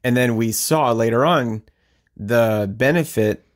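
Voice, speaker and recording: A man's voice: medium pitch, slow. A man hosting a podcast in a casual, joking, chatty way. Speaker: podcast host. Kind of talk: casual chat.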